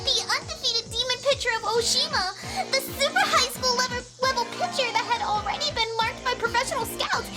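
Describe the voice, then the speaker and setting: A woman voicing a cute, excitable young anime streamer girl with cutesy, exaggerated delivery. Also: very high-pitched, a little fast, few pauses. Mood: excited, awed. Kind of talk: reading visual novel dialogue aloud in a put-on streamer voice. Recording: loud music behind the voice.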